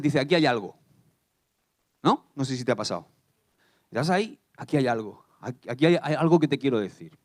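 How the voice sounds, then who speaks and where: Animated Spanish preacher, high voice. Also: male voice. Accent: Spanish from Spain. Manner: animated, asks the congregation questions often. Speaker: pastor. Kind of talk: sermon. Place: church.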